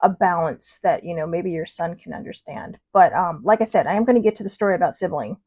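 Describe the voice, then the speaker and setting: Talking fast in a fairly low, husky and slightly mellow voice, a fifties-aged woman hosts a laid-back livestream. She rambles chattily while answering viewers, with plenty of fillers and false starts.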